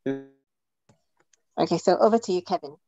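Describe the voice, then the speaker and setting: A woman from Nigeria introducing herself in a quick, relaxed way on a video call. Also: on the low side, soft background music. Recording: dry, slightly muffled video call audio.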